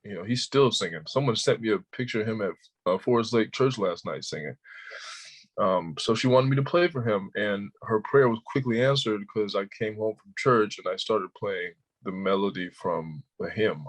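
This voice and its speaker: Man, low-ish voice, relaxed joking podcast guest. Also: moderate pace, low-quality recording. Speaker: guest singer. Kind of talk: casual podcast chat.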